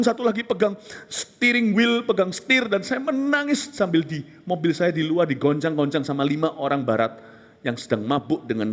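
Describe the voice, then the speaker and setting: A male pastor delivering a fiery sermon in a somewhat high voice. He rises into emphatic, loud exclamations and then drops to hushed near-whispers. His delivery is intense and dramatic. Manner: passionate preaching with sudden drops to hushed whispers.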